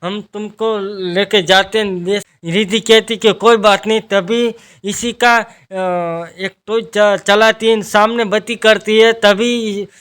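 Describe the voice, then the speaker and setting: A man's voice: sits high, level tone, slow, a bit bright, smooth. A man casually retelling a TV serial's plot, rambling along and chaining events one after another. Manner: rambling, strings events together with "then". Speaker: TV serial recap narrator. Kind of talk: casual spoken plot recap.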